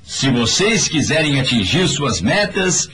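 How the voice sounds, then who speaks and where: A man's voice: mid-range voice, sing-song, a little slow, pushed and bright, slightly rough, soft background music. A man giving an emphatic motivational speech in a voice-over, talking straight to his audience. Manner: emphatic, preachy, addresses the audience directly. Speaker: motivational speaker.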